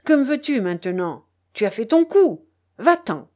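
A woman's voice: on the high side, sing-song, moderate pace, dark tone. A woman voicing a wounded male thief who speaks with cold contempt and harsh commands, in a storybook reading. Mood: scornful.

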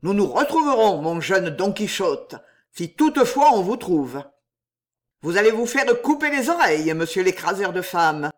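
A haughty noble huntsman, read by a woman, barks short, hard orders. The voice is raised and forceful. His tone stays curt and cold. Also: medium pitch, sing-song, fairly quick, hardly any pauses, lightly acted. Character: hot-tempered noble huntsman, haughty man.

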